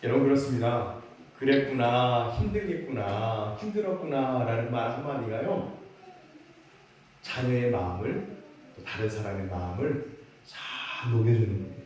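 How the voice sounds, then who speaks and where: A man preaching a sermon as pastor, animated, acting out parents' words and leading the congregation in call-and-response. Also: mid-range voice, normal speed, long pauses. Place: large church sanctuary. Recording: echoey church hall, distant mic, faint noise.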